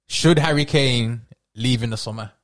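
A man's voice: medium pitch, moderate pace. A man hosting a podcast, chatting casually and backing up his guest with lots of agreement. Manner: steady backchanneling, slangy. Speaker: podcast host.

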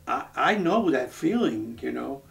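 A man, from Brooklyn, speaking earnestly in a documentary interview, halting with many restarts. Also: mid-range voice, sing-song, vocal fry, fairly bright tone. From Brooklyn, New York. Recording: voice from a distance off the mic.

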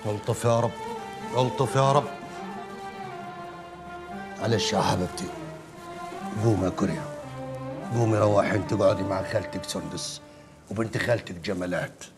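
An actor playing a middle-aged uncle with an Egyptian accent who keeps calming his family with quick, fatherly reassurance. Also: fairly low pitch, over music, lightly acted. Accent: Egyptian Arabic. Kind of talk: TV drama acting.

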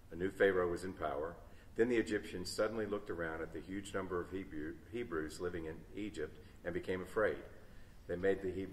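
A man reading aloud voices a patient man carving a whip as he calmly explains, in an echoey church from a distant mic. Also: sits low, a little hiss or hum, natural voice.

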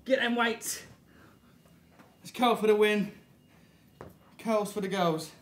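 A man's voice: sits high, slow pace, fairly bright tone. Breathless man coaching a workout. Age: 30s. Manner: short motivational cues, physically straining. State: out of breath from exercise. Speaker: fitness coach. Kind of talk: workout instruction while exercising. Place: indoor gym studio with hard floor. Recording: echoey room, audible background noise.

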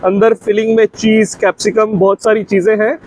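A man's voice: sits high, little pitch movement, a little fast, slight background noise. A middle-aged Indian man hosting a casual food vlog, talking with enthusiasm on a lapel mic at an open-air restaurant. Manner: enthusiastic, mixes Hindi and English. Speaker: food vlogger host.

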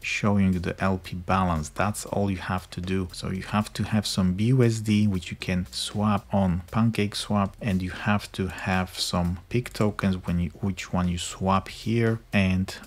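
Guy with a low flat voice doing a screen tutorial, casual step by step, lots of uh's. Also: measured pace, hardly any pauses. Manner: relaxed, step-by-step explaining with frequent fillers. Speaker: crypto tutorial host. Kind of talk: screen-recorded tutorial walkthrough.

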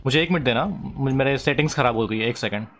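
A young man streaming a mobile game, urging a teammate along with quick repeated commands. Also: medium pitch, a bit bright, slight background noise. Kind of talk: live gameplay chat.

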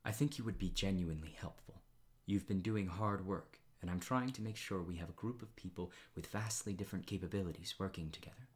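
An author voicing a calm male superhero who speaks softly, near a whisper, in an audiobook whispered role-play. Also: deep voice, fairly quick, few pauses, lightly acted. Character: soft-spoken male hero, living tornado.

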